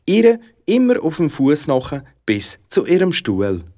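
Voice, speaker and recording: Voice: mid-range voice, measured pace. A storyteller with a Swiss German accent, narrating a fairy tale expressively. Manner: expressive, animated.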